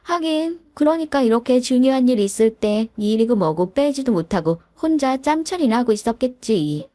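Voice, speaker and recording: A woman's voice: on the high side, animated, normal speed, warm tone, no room sound, lightly acted. A woman voicing a spiteful, arrogant young sister-in-law who sneers and talks down to others. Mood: sneering. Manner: sneering, condescending.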